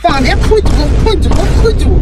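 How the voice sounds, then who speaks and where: Fiery young daughter-in-law. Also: female voice, high voice, expressive, a crowd in the background, noisy background. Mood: furious. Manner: loud, fast, argumentative. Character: sharp-tongued young village daughter-in-law, quarrelsome. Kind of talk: comedy skit acting.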